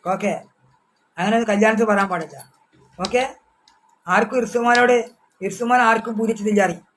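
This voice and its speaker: A man with a Malabar Malayalam accent talks casually to his fans on a livestream, in a voice pitched high for a man. He speaks of himself in the third person, circles back over the same phrases and breaks off words to restart them. A faint noise sits under the voice. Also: fairly even intonation, a bit bright, poor audio. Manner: repetitive, halting, with many restarts. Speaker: social media personality.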